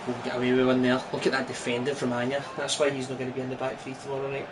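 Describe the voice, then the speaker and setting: A man's voice: mid-range voice, monotone, very fast. A man with a broad Scottish accent, chattily commentating on a football video game with exclamatory, partisan reactions. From Scotland. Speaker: gaming streamer. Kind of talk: live football game commentary, casual chat. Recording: noisy stream with game sound behind. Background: football video game crowd and commentary.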